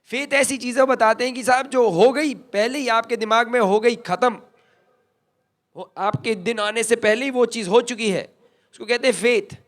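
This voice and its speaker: A man's voice: very high-pitched, moderate pace, a bit bright. An older man giving a motivational stage talk in a folksy, emphatic way, addressing the crowd directly. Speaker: motivational speaker.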